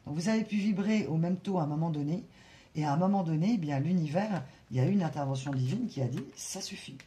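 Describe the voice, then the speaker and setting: A French-speaking card reader giving a spiritual guidance reading, talking slowly with many hesitations and asides to spirit guides. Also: mid-range voice, warm tone, slight background noise. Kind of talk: tarot-style guidance reading to camera.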